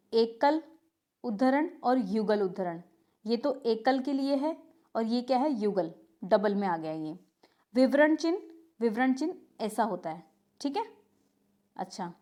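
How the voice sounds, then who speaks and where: Repetitive woman teacher, higher voice. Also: mellow. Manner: repeats key terms as questions and answers them, says "ठीक है" often. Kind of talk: Hindi grammar lesson for exam students.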